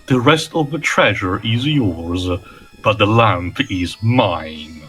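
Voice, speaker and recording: Man playing a scheming treasure-hungry villain, low-voiced. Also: animated, slow pace, fairly bright tone, faint music behind, exaggerated voice.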